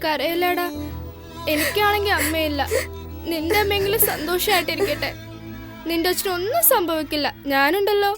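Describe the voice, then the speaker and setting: A woman dubbing a cheeky, soft-hearted ten-year-old boy in a film, with a pleading childlike manner. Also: extremely high pitch, moderate pace. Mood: comforting. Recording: film soundtrack with loud music.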